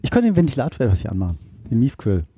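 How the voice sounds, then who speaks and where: A man's voice: medium pitch, very animated, rapid-fire, mellow, slight background noise. A man co-hosting a casual podcast, joking around and teasing in a playful way. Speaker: podcast co-host. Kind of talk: casual chat.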